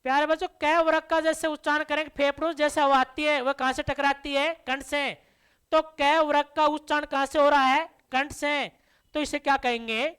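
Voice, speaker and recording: A woman's voice: high-pitched, little pitch movement, normal speed, a bit bright. A woman teaching a classroom grammar lesson, asking the class questions and answering them herself to drill the terms. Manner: addresses listeners as dear children.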